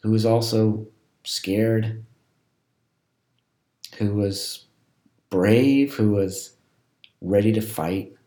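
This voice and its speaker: A man leading a guided scripture meditation, reading a passage and then asking reflective, gentle questions. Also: on the low side, fairly even intonation, very slow, pauses often. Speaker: prayer leader. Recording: roomy echo.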